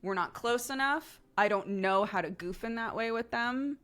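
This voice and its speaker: A young woman streamer chatting casually, laughing often and tagging her stories with quick "right?" asides. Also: fairly high pitch, a bit bright. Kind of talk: casual chat.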